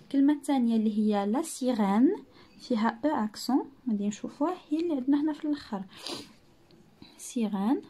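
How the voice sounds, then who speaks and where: A woman's voice: on the high side, animated, warm tone, breathy edge. Patient woman teacher with Moroccan accent. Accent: Moroccan Arabic. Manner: patient, repeats words, sounds out French syllables slowly. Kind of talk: classroom-style lesson narration.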